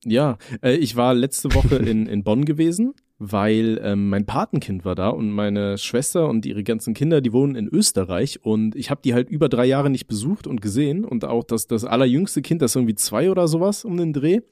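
A man's voice: medium pitch, expressive, normal speed, hardly any pauses, warm tone, dry recording, clean studio sound. A man telling rambling stories in casual chat as a podcast co-host, full of slang. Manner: rambling slangy storytelling, says "Alter" often.

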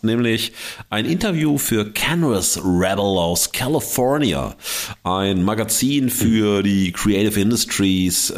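Speaking into a microphone in front of his face, a German man co-hosts a podcast in a casual chat. His voice is fairly low, and he rambles through anecdotes with plenty of fillers.

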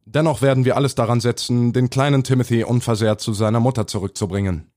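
A man's voice: mid-range voice, fairly even intonation, quick pace, darkish tone, dry recording, studio quality, close to an everyday voice. A man playing a solemn, determined small-town sheriff giving a formal statement in a horror audio drama. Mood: solemn, resolute. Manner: formal, official.

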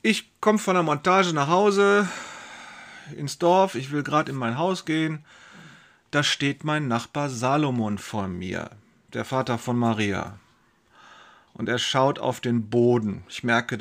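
A man's voice: medium pitch, measured pace, creaky, a bit bright. A man playing a pious, anxious young carpenter, telling his story in first person with emotional swings between brooding and outbursts. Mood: tense.

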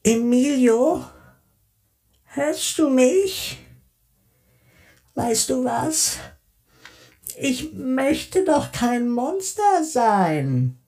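A soft, high-voiced gentle monster truck. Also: male voice, big pitch swings, very slow, pauses often, full character voice. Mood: timid. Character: gentle, shy talking monster truck, male. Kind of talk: bedtime story character voice.

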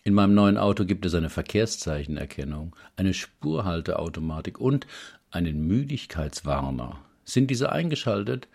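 A man calmly reading a self-help text aloud in a measured, explaining manner. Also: deep voice, vocal fry.

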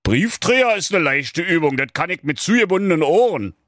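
A man's voice: fairly high pitch, big pitch swings, fairly quick, fairly bright tone, no echo, clean studio sound, voice pushed up. A man voicing a proud, boastful evil wizard who brags in a raised voice. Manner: haughty, bragging.

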